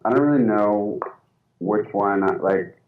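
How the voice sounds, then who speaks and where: Over a tinny, echoey phone line, a Mexican-born guest writer with an American accent is interviewed on a call-in show. His voice is fairly low and measured in pace, and he sounds thoughtful and hesitant, using lots of fillers.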